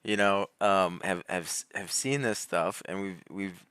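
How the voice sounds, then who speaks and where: A man's voice: low-pitched, measured pace, smooth, dry recording. Laughing, heated male commentator. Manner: laughs often, restarts, swings loud and soft. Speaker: commentary host. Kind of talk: animated conspiracy commentary.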